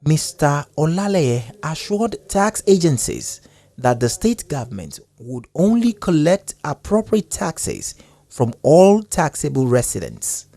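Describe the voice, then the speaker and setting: A man with a Nigerian accent reading a news report voice-over in a measured newsreader way. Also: a little high, wildly swooping pitch, vocal fry, warm tone.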